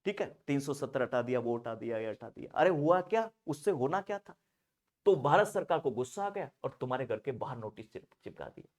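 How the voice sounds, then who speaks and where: A young man teaching nursing pharmacology in Hindi slang, joking and acting out little dialogues, often shouting. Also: medium pitch, very animated, brisk. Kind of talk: animated classroom lecture.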